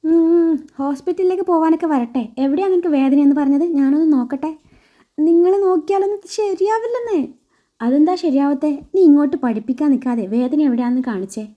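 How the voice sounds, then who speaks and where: A woman's voice: sits high, fast, few pauses, dull audio, close to an everyday voice. A woman voicing a young doctor husband who speaks in a dry, teasing way. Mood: skeptical.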